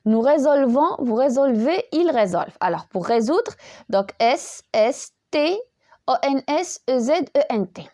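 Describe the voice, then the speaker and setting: A woman's voice: high-pitched, lively intonation, measured pace, warm tone. A woman teaching a French grammar lesson, patiently spelling out verb endings letter by letter and often repeating herself. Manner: repeats words and restarts often.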